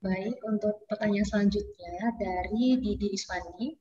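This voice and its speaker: A woman's voice: medium pitch, steady tone, normal speed, mellow. A woman moderator in an online class, reading audience questions aloud in a plain, polite way. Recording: echoey, muffled call audio.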